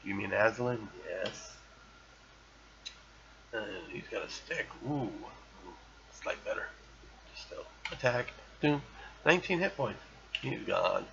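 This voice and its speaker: A man with a low, very gravelly voice talks his way through an old online game, reading its messages aloud and boasting with playful bravado. The sound is muffled and lo-fi, with a faint hiss underneath. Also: slow pace, pauses often, fairly bright tone. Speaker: podcast host. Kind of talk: casual gameplay commentary.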